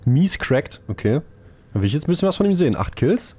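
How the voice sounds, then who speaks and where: A young man streaming a shooter game live, chatting casually with viewers in a slangy, excitable way, with gunfire from the game behind him. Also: on the high side, fairly quick, a little hiss or hum.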